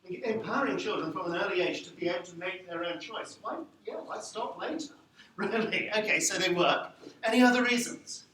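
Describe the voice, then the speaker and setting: A man giving a live lecture to a room of teachers, lively and wry, putting questions to the audience. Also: high-pitched, moderate pace. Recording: echoey room, faint background noise.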